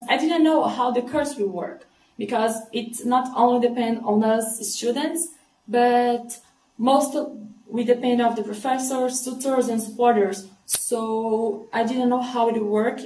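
A 23-year-old woman from Brazil, giving an earnest, slightly halting statement as a course participant. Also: a little high, a little mellow. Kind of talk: self-recorded video statement. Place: room at home. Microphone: webcam from a distance. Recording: roomy, distant, faint hiss.

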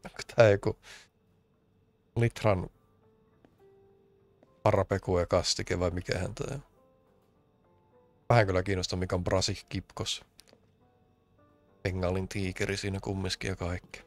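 A man's voice: low voice, level tone, long pauses, no room sound, soft background music. A man from Finland doing casual, rambling let's-play commentary, joking and grumbling as he plays. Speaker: streamer.

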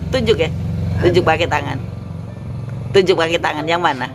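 A woman's voice: low voice, normal speed, background noise. Firm motherly woman with a lilt. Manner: repetitive, firm, motherly commands. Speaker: caretaker at a shelter. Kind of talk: casual coaxing and scolding. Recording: background music over speech.

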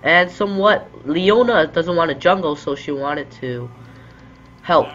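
Young guy doing chill game commentary, sore throat, bright sharp voice, kinda high, music behind. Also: animated, measured pace, dull audio. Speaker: video game streamer. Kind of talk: casual gameplay commentary.

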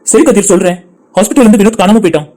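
A performer voicing a worried young man in an animated cartoon who evades a friend's questions. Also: medium pitch, rapid-fire, natural voice. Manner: subdued, evasive. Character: worried young man searching for his brother.

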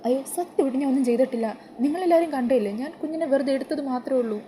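A sly young schemer voiced by a woman retelling a TV serial, coaxing and wheedling in a slightly high, quick voice. The tone stays soft and mellow rather than bright. Faint room ambience sits behind her. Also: a little hiss or hum, natural voice. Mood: pleading innocence.

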